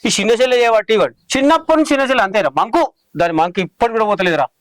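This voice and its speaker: A man's voice: high-pitched, big pitch swings, no room sound, poor audio. A man playing an irritable father in a village comedy. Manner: irritable, rapid. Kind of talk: scripted village comedy acting.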